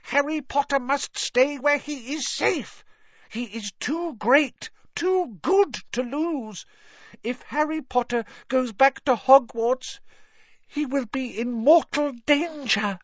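A man voicing an anxious, servile male house-elf in an audiobook reading, with a high, pleading manner. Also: slow, no room sound, heavily acted. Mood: fearful. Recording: dull dry studio sound.

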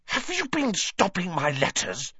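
An earnest young wizard boy, read by a man, asking urgent questions with a lively, bouncing pitch. The tone stays close to a plain speaking voice. The sound is dry and a bit dull, recorded in a small booth. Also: unhurried, husky, no room sound, full character voice. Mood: frustrated. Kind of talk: audiobook reading.

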